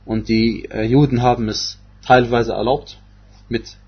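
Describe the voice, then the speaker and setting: A man's voice: mid-range voice, little pitch movement, a little slow, slightly rough, highs cut off. A man giving a religious lecture on scripture, speaking hesitantly with many fillers and restarts. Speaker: Quran exegesis teacher.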